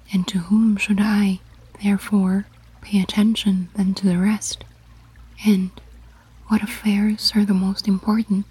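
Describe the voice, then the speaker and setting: A weary, earnest king asks his questions in a hushed, breathy whisper, as a woman reading a storybook puts him on. The voice stays slow, flat and mellow. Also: medium pitch. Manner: soft whispered pleading. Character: weary male king seeking wisdom, earnest.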